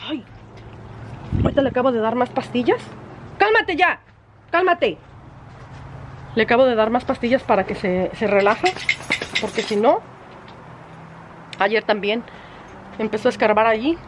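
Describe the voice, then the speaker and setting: A woman vlogging casually from home, chatty and exasperated, sometimes breaking off to scold her dog in sharp high bursts. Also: fairly quick, pauses often, slight background noise. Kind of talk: casual vlog chat. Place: at home, indoors and outdoors.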